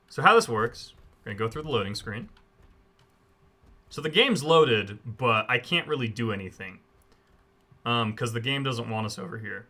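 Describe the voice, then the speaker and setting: A man with a mid-pitched, bright and forward voice gives casual commentary for a gameplay tutorial. He explains each step informally, as a speedrunner showing others the route.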